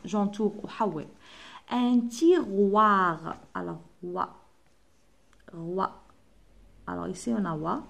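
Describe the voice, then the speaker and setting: A woman primary school teacher with an Algerian accent, giving a phonics lesson and slowly repeating each word and sound for young pupils. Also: medium pitch. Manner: slow, drawn-out repetition of words and sounds for children. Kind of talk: French phonics lesson mixed with Algerian Arabic explanations.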